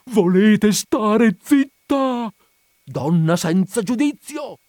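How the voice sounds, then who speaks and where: A man's voice: mid-range voice, a little slow, darkish tone, dry recording, close to an everyday voice. A man voicing a timid, fretful elderly village priest who scolds in a frightened hiss and fawns on his betters, in a dry recording. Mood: fearful scolding.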